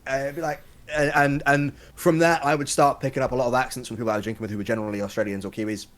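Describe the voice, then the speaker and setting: A young British man, a guest on a podcast stream, telling relaxed stories with plenty of fillers. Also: mid-range voice, rapid-fire. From United Kingdom. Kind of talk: casual chat.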